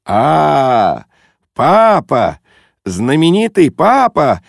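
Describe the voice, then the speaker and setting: A man voicing a brash, overfamiliar man who teases and shouts in bursts, in an audiobook reading. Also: mid-range voice, animated, measured pace, gravelly, dry recording, clean studio sound, voice pushed up. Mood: cheeky, brash. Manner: boisterous, teasing, shouty bursts. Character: brash overfamiliar loud man, mocking, pushy.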